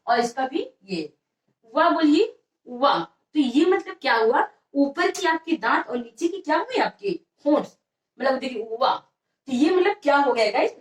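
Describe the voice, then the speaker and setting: High-voiced woman teaching, echoey room. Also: recorded from a distance. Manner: repeats questions and answers them herself. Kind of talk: exam-prep grammar lesson.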